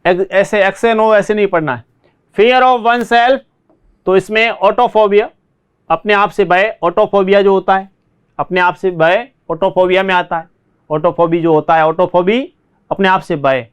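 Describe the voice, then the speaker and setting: An Indian man with a Rajasthani Hindi accent, teaching an online spoken English lesson. He drills each word slowly and repeats it, then explains it in Hindi, and tells his students to write their answers quickly. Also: sits high, clean tone.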